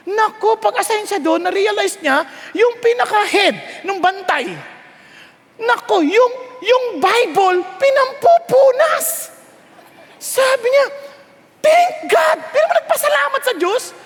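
Man preaching, storytelling sermon, swings soft to loud, mixes in English, very high pitch, echoing hall. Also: lively intonation, takes it slowly. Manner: storytelling, swings from hushed to shouting; mixes English phrases into the talk. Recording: long hall reverb.

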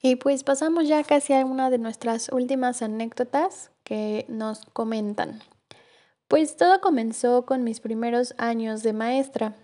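A woman reads a teacher's anecdote aloud in a gentle, measured way. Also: a little high.

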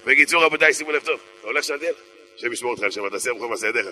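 Male rabbi for a joke-filled sermon, very bright cutting tone, punchy repetitions. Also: medium pitch, a little hiss or hum. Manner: joking storyteller, repeats phrases for emphasis. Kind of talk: humorous sermon.

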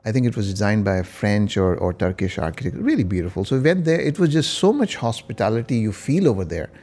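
Lower-pitched middle-aged Pakistani-accented man reminiscing. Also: animated, fast talker, a little mellow. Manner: conversational, often seeking agreement with "right?". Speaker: interview guest. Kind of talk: casual reminiscing, mixing English and Urdu.

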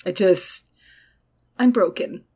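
A woman's voice: medium pitch, slow pace, mellow, husky. Congested, salty-tongued woman co-hosting a podcast. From Texas. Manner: irreverent, salty-tongued, joking. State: congested with allergies. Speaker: podcast co-host. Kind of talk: casual comedic podcast chat.

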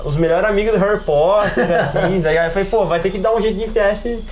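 This Brazilian panelist is a fast talker with a high voice, chatting about tabletop role-playing on a podcast in a rambling way laden with slang and filler tags. A crowd is clearly audible behind him.

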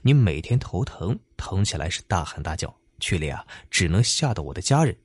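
A man's voice: mid-range voice, sing-song, normal speed, warm tone, husky, dry recording. A man voicing a weary, irritable husband in a told story, sounding impatient and exasperated.

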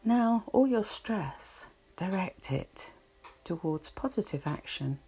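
A woman guiding a relaxation session in a slow, soothing, reflective way. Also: mid-range voice, expressive, mellow, breathy edge. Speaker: relaxation guide. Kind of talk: guided relaxation talk.

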